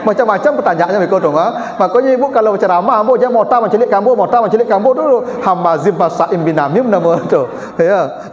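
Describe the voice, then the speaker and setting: A man's voice: high-pitched, a little mellow. A man with a Minangkabau accent preaching a sermon in a chatty, teasing way, acting out everyday exchanges. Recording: roomy hall with long reverb.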